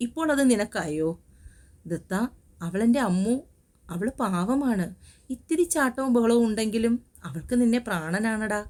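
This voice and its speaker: A woman voicing a teasing, loyal young male best friend in an audio story, read in a mellow tone. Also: sits high. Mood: warm. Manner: playful, teasing.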